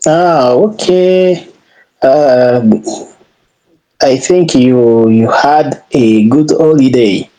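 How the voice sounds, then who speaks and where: A man's voice: mid-range voice, very slow, dark tone, poor audio. A man from Congo with a Congolese accent, speaking hesitantly and politely in a casual practice conversation. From Congo, Central Africa. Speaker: English conversation practice partner.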